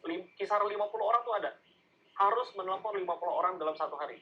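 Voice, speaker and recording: A man's voice: high voice, very fast, crowd noise. Chatty man teaching marketing, slightly muffled. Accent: Indonesian. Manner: conversational, asks the audience questions, acts out sales calls. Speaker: digital marketing speaker. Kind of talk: online masterclass lecture.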